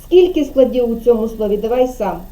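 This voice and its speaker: Patient woman teacher, high muted voice. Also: lively intonation, warm tone. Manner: patient, drawn-out syllables, prompting. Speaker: kindergarten teacher. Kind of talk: online speech lesson for a child. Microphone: video call.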